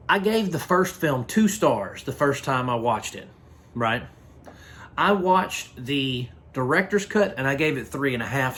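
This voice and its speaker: Guy doing a laid-back movie review, kinda high voice, blunt, keeps restarting sentences. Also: fairly bright tone. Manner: blunt, rambling, frequent restarts. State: hiccups. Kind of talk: casual review monologue.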